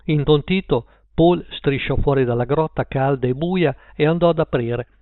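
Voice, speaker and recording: A man's voice: a little high, moderate pace, no room sound. Man narrating a story over a tinny line. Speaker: audiobook narrator. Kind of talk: scripted narration. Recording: tinny phone-like line, dry.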